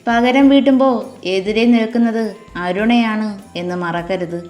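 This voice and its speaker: Woman doing a nasty stuck-up auntie, scornful, threatening, higher pitched, faint music. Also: moderate pace, darkish tone, close to an everyday voice. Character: haughty, spiteful middle-aged aunt.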